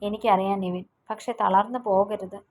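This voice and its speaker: A woman voicing a middle-aged family friend in an audio novel, calmly reassuring a young man on the phone. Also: sits high, moderate pace, a little hiss or hum.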